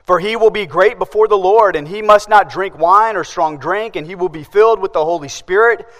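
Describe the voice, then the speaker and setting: High-voiced man preaching a sermon. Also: a little fast, a bit bright, long reverb tail. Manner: asks rhetorical questions and answers them. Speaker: pastor.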